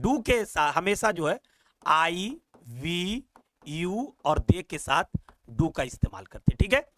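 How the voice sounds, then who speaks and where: A man teaching spoken English in Hindi, coaxing students warmly as "beta" and repeating English phrases slowly. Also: sits high.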